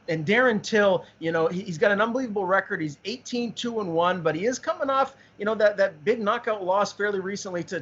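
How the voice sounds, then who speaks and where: Male podcast co-host, keen sports talk, slightly high voice, dull lo-fi sound. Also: fairly bright tone. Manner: enthusiastic, repeats words while thinking. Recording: muffled lo-fi audio.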